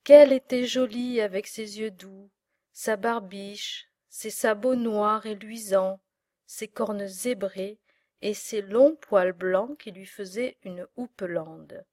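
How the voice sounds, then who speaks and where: A woman reading a storybook aloud in a measured, expressive way. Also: medium pitch, no room sound, studio quality.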